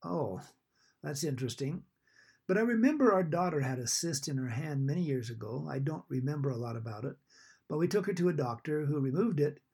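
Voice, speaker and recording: A man's voice: on the high side, lively intonation, brisk, mellow, breathy edge. A middle-aged or older man speaking conversationally as a podcast co-host.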